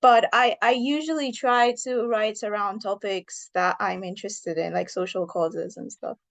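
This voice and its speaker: A woman's voice: mid-range voice, steady tone, normal speed, creaky. A woman in her thirties, originally from Iran, an author answering interview questions thoughtfully and earnestly.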